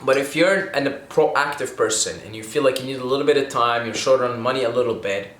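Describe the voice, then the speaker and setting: A young Syrian man shares money tips with his camera, his medium-pitched voice a bit bright and a little fast. His earnest, rambling delivery keeps pausing to restart and adding "okay?", all in an echoey room.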